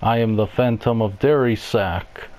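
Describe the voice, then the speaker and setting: Man playing a slow, menacing theatrical phantom villain. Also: lowish voice, darkish tone, close to an everyday voice. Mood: gloating menace. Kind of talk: amateur animated comedy skit acting.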